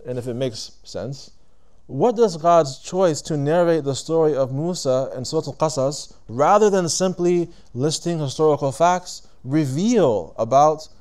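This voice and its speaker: Before a live audience, a man with a slightly high, slightly mellow voice offers a reflective religious lecture. He talks in a conversational, deliberate way, posing questions and halting to reword his points.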